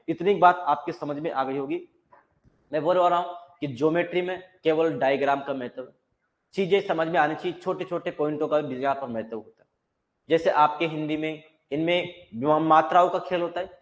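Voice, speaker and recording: A male maths teacher talks through a lesson in a fairly high voice. He explains each point step by step and often asks the class a question before he answers it himself. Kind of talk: classroom lecture.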